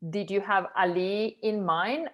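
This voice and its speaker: A woman's voice: mid-range voice, a little slow, muffled recording. A woman who programs for a film festival, moderating a Q&A over a video call. She speaks hesitantly, with many ums and uhs. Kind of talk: festival Q&A conversation.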